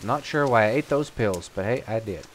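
A man's voice: on the low side, animated, moderate pace, a little hiss or hum. A man hosting a gaming video, chatting casually with his co-op partners as he plays. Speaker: host of a gaming video series. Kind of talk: casual co-op gameplay chat.

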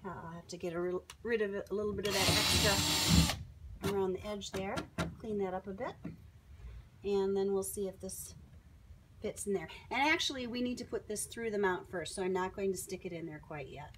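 A woman giving a step-by-step product installation demonstration, explaining clearly as she works with tools beside a kayak. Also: medium pitch, moderate pace, background noise. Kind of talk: instructional how-to demonstration.

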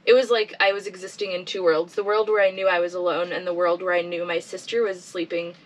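Woman in her 30s telling animated stories in a boat cabin, voice slightly distant. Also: lowish voice, quick pace. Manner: lively storyteller, laughs and acts out quotes. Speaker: guest sailor. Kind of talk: casual interview chat. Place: small boat cabin, indoors.

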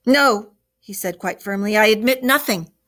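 A woman's voice: medium pitch, lively intonation, moderate pace, voice pushed up, close to an everyday voice. A woman voicing a vain, sly male toad who is impatient and falsely sweet in a storybook read-aloud. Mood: defiant.

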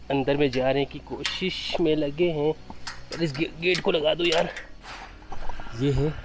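Against a noisy background, a man with a fairly high voice makes casual conversation. He's a Patna-born travel vlogger from Bihar, India, curious by nature, who asks questions and repeats words. The handheld camera, held at arm's length, follows him through a small village house and out into snowy lanes.

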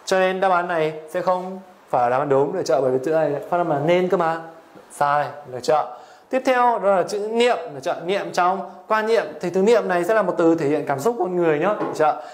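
Brief: young male teacher, high voice, exam-prep lesson, keeps asking rhetorical check-in questions. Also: fast. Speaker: Japanese language teacher.

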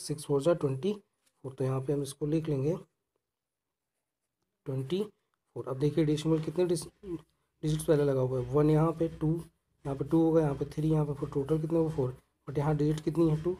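A man's voice: fairly high pitch, warm tone, breathy edge. A man teaching math, talking through each step, asking questions and then answering them, and mixing Hindi with English phrases. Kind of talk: explaining math steps.

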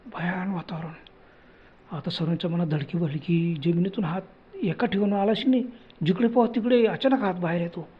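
A man's voice: sits high, husky, dull audio. A man telling a horror story in a dramatic, exclamatory way.

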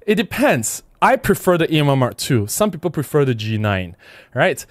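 Man, casual livestream host, chatty, tags "right?" onto lines, fairly high voice, dry sound. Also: very animated, normal speed, no echo. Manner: chatty, reads comments aloud, frequent "right?" and laughs. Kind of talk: casual livestream chat reading viewer comments.

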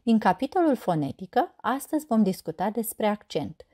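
A woman teacher narrating a scripted lesson, saying example words slowly and carefully. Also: medium pitch, very animated, dark tone.

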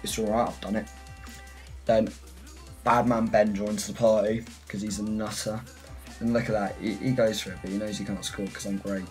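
A man's voice: fairly low pitch, little pitch movement, moderate pace, soft background music, rough recording. A British man giving a casual, rambling, self-mocking voice-over on his own football gameplay. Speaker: gaming channel host.

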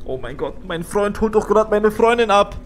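A male streamer giving excitable, jumpy commentary on a horror game, swearing when scared. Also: high-pitched, normal speed, slight background noise.

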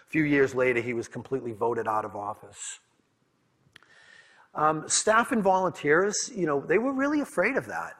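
Telling stories candidly at a conference, a man from New England with a Boston accent often stumbles into repeated and restarted words. He's speaking in a conference room, with a medium pitch and a fairly bright tone.

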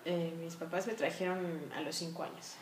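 Mexico City woman, lively storyteller. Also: lowish voice, normal speed, roomy sound, music in the background. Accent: Mexico City Spanish. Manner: lively storytelling with frequent fillers. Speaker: funeral director and embalmer. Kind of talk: casual interview. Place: small art-filled room indoors.

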